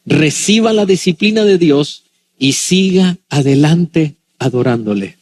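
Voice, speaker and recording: A man, a pastor, preaching a sermon with dramatic pauses and acted-out quotes. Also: fairly high pitch, animated, darkish tone.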